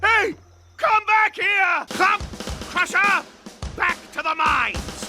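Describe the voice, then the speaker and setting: A bombastic, gloating monster king from an animated series, with a scheming, hot-tempered streak. The pitch is extremely high and highly animated, while the pace is unhurried, savouring each grand phrase. Loud music plays behind the dialogue. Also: exaggerated voice. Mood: mocking, excited. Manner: grandiose, bombastic, drawn-out exclamations. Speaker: cartoon villain. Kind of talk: theatrical animated-series voice acting.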